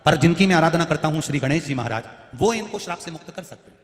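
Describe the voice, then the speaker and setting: A preacher putting on a proud sage, stern and offended, speaking firmly. The voice is fairly high for a man and carries a long hall echo. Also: lively intonation, fast talker, lightly acted.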